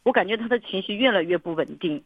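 Calling a radio counseling program, a woman with a mid-range, expressive voice speaks quickly over a tinny phone line without echo. She rambles earnestly through a long story, frequently repeating herself and starting sentences over.

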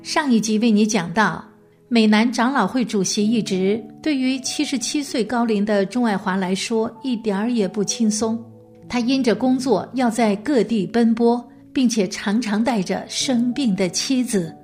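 A woman hosting a radio program, telling a biography as scripted narration in a gentle, measured way. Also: on the high side, soft background music.

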